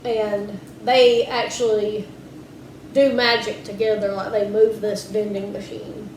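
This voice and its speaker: A woman's voice: mid-range voice, level tone, takes it slowly, darkish tone. A woman co-hosting a podcast, talking casually and trailing off with lots of fillers. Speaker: podcast co-host. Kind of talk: casual chat. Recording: roomy echo, faint background hiss.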